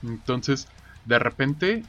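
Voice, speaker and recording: Mexican man, mid-pitched, crude slangy storyteller; muffled lo-fi audio, faint music. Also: big pitch swings, takes it slowly, bright, forceful tone. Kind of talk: casual chat, retelling a film.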